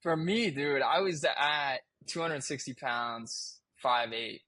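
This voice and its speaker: A man's voice: medium pitch, takes it slowly, bright, forceful tone, no room sound. A man in his twenties, a podcast guest, telling a personal story in casual chat, candid and swearing freely as he restarts his sentences.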